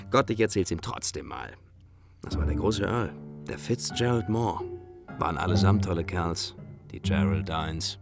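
A man's voice: sits low, measured pace, gravelly, pauses often, music in the background. An actor playing a hearty, talkative man showing visitors around an old abbey, in a radio play. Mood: boisterous. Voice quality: hearty, boisterous. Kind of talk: radio drama acting.

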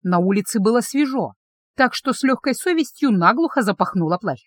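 A woman reads a first-person fantasy novel aloud with lively, expressive delivery. Her pitch moves a great deal as she tells the story. The recording is close and dry, with no room sound. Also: fairly quick, no echo. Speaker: audiobook narrator.

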